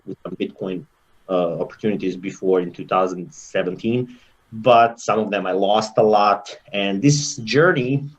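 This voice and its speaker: A man from Serbia speaks English with a Serbian accent, his voice sitting a bit low. He tells his story in a loose, reflective way that turns animated in places. The audio is dull and lo-fi, like a remote call. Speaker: guest. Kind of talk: conversational interview storytelling.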